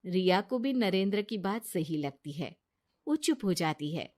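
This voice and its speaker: A woman's voice: fairly low pitch, big pitch swings, a little slow, a little mellow. A woman narrating a moral story in a plain storytelling manner. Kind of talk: scripted narration.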